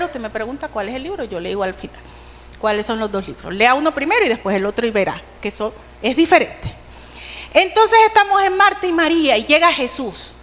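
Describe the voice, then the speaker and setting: High-voiced Colombian woman preaching, echoing hall. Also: a bit bright. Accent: Colombian Spanish. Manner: earnest, rhetorical questions, slows for emphasis. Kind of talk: sermon. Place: church hall. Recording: long reverb of a church hall.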